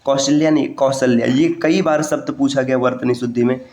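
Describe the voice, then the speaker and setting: A man's voice: medium pitch, steady tone, fairly quick, darkish tone, echoey room. A man teaching a Hindi spelling lesson for exam preparation, going word by word and repeating each correct form, telling students what to remember. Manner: addresses students directly to remember points.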